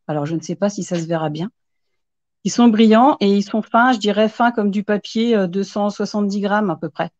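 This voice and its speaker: A woman's voice: medium pitch, darkish tone, no echo, highs cut off. A woman guest on a live craft session, chatting casually and joking along. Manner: playful, joking.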